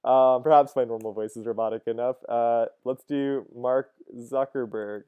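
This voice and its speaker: Man, thirties, coding lesson, casual, thinks aloud, smooth resonant tone, desk mic. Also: mid-range voice, steady tone, moderate pace, narrow, tinny audio. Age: 30s. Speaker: teacher. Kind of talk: screen-recorded coding lesson.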